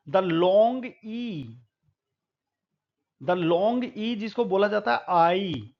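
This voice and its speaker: A man, a literature professor, giving a classroom lecture, explaining slowly and repeating words over and over, with English terms mixed in. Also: high voice, vocal fry. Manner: mixes English terms into Hindi. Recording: dull lo-fi sound.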